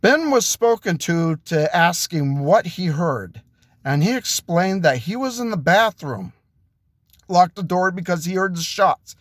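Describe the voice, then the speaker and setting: A man narrating an improvised story in a slow, unhurried way, a bit higher pitched than most men. He halts and restarts as he goes, and the sound is dry and close. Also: animated, dry recording. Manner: slow, halting delivery with restarts.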